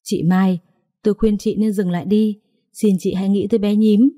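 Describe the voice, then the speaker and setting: A woman's voice: medium pitch, steady tone, moderate pace, dark tone, no room sound, clean studio sound, close to an everyday voice. A woman voicing a frightened young pregnant wife who pleads in a tearful, desperate way. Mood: pleading.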